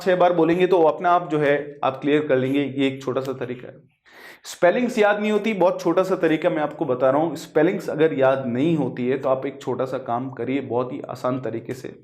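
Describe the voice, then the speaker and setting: A man's voice: on the high side, a little mellow. A man from western Rajasthan, teaching a lecture and explaining through examples and rhetorical questions, with English words mixed in. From western Rajasthan, India. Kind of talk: spoken lecture.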